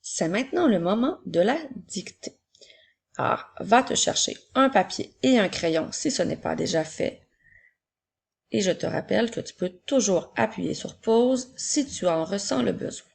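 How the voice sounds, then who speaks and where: A woman teacher giving a slow, clear spelling and dictation lesson to young children, repeating each word. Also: mid-range voice, animated.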